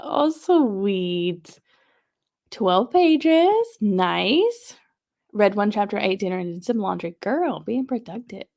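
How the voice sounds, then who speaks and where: Chatty woman host with a gravelly voice. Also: medium pitch, a little mellow. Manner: chatty, reads viewer comments aloud. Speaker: livestream host. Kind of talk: casual chat.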